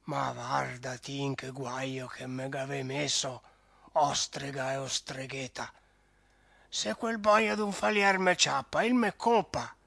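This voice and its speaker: A man's voice: mid-range voice, fairly even intonation, takes it slowly, creaky, a bit bright, no echo, exaggerated voice. Man voicing a fretful older greengrocer, Venetian accent, storybook.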